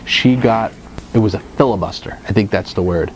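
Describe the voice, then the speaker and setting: A man's voice: on the low side, fairly quick, slight background noise, poor audio. A middle-aged man co-hosting a casual chat, telling a dating story with lots of fillers and restarts into a lapel mic. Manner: rambling, animated, many fillers and restarts. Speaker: co-host. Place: indoor studio room with guitars on the wall. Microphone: lapel mic with headphones.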